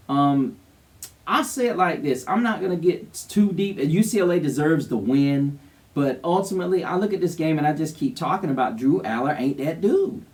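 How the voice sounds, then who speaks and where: A man with a slightly high, warm voice, picked up on a distant mic, co-hosts a college football show. His commentary is casual, emphatic, and opinionated.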